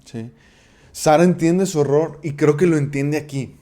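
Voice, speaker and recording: Mellow Mexican man teaching the Bible. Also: a little high. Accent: Mexican Spanish. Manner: conversational, checks in with frequent tag questions; halting, with repeated restarts. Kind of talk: casual Bible study talk.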